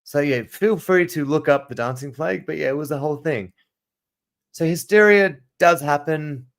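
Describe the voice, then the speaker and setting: A man's voice: fairly high pitch, normal speed, creaky, a bit bright. A man with a mixed South African and Australian accent teaching a casual livestream lesson, rambling and correcting himself as he goes. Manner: rambling, digressive, self-correcting. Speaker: teacher hosting a live study session. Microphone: camera mic.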